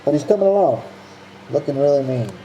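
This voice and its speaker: A man speaks through a face mask, so his voice comes out very dark and muffled. He chats casually about his model-building progress and often says "uh". A faint hiss of noise runs behind him. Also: on the high side, fairly quick. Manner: relaxed, casual, with frequent "uh".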